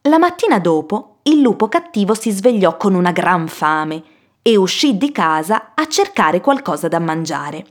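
A woman reading a children's fairy tale aloud in an expressive storytelling manner. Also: on the low side, measured pace. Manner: lively, expressive telling.

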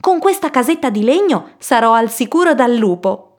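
A woman doing squeaky eager little piglets. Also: sing-song, normal speed. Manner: high, bright childlike voice.

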